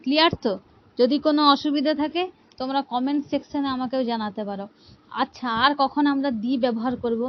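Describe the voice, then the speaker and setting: In a muffled recording, a woman whose voice sits high teaches English grammar at a fairly quick pace with fairly even intonation. She is patient, asks her students rhetorical questions, and repeats "ঠিক আছে".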